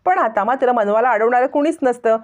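Casting: woman narrator, highish voice, dramatic serial-recap storytelling, muffled lo-fi sound. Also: a little fast. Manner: dramatic retelling. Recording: lo-fi recording.

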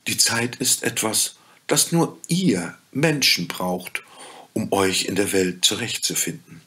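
Ein Mann spricht in einer Märchenlesung eine gütige Fee, leise, langsam und sanft. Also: male voice, lowish voice, big pitch swings, breathy edge, heavily acted. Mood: gentle. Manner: soft, slow and quiet. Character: gentle kind fairy woman, calm and wise.

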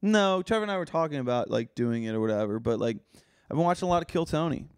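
Young male co-host, middle-pitched, teasing and profane, dry close sound. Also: lively intonation, fast, darkish tone, clear, resonant tone, dry recording. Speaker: podcast co-host. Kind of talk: casual chat.

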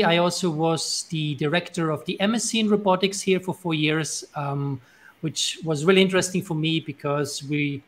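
On an online panel, an Austrian robotics professor in his forties shares his career story over a video call, speaking in a fairly high voice with an Austrian German accent. He stays steady and friendly, dropping frequent ums. He's at home among bookshelves, wearing earphones.

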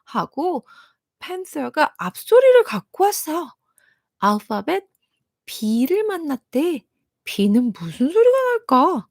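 A high, swooping woman's voice teaching phonics to young children, stretching each sound slowly and cheering them on. The recording is close and dry, with no room sound. She speaks unhurriedly and sounds out every letter in an exaggerated way. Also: big pitch swings, a little mellow, dry recording. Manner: sing-song, encouraging, exaggerated sounding-out.

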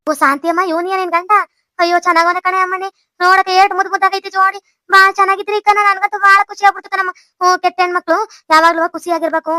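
A woman doing a shrill gushing village granny. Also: little pitch movement, rapid-fire, bright, forceful tone, no echo. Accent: North Karnataka Kannada. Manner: fussy, gushing, lots of sighs. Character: chatty old village grandmother, doting. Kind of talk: cartoon voice acting.

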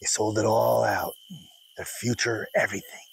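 A man's voice: lowish voice, flat delivery, moderate pace, gravelly, husky, poor audio. A middle-aged man vlogging a hiking trip, chatting in a folksy, easygoing way and telling stories as he drives. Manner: folksy storyteller, laughs often. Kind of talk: casual vlog chat. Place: car interior and outdoor trail. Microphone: camera mounted on dashboard. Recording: car road noise, from the mic.

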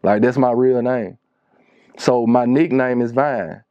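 A man in his thirties from Shreveport, Louisiana, a music producer, chats slowly and casually as an interview guest, telling stories in slangy Southern-accented talk. His mid-range voice has a dark tone. In the small wood-panelled studio there's no room sound, though the recording comes across muffled.

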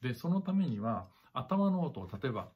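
A man with a husky, slightly breathy voice gives a clarinet lesson, singing rhythm syllables aloud to demonstrate phrasing. He talks directly to the listener and repeats key points. The recording sounds dull and lo-fi. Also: medium pitch, big pitch swings, normal speed. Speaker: clarinet teacher. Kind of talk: spoken music lesson.

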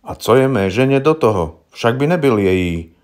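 A man's voice: medium pitch, sing-song, natural voice. A man voicing a simple, stubborn farmer who talks bluntly and plainly in a rustic way. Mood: plainspoken. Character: simple, stubborn middle-aged male farmer accused of murder.

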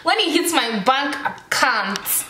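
This is a casual Q&A vlog: a Nigerian woman in her 20s speaking to camera in her bedroom, lively and expressive with frequent "like"s. Her voice is high and unhurried, set in a reverberant space with slight hiss or hum.

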